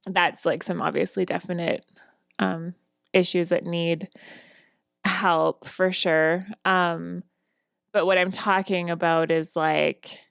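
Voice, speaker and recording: A woman talks casually on a podcast, her voice sitting a little low. She chats freely, filling her sentences with "like" and laughing often. The sound is dry and close, with no room around it. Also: flat delivery, takes it slowly, vocal fry, fairly bright tone, clean tone, dry recording. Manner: chatty, many "like"s and frequent laughs. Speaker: podcast co-host.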